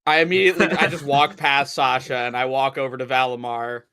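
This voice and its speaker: A man playing in a tabletop game, narrating his character's actions in an animated, swearing way. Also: mid-range voice, clean tone. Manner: animated, swearing, quick laughs. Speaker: player. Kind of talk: casual tabletop game chat.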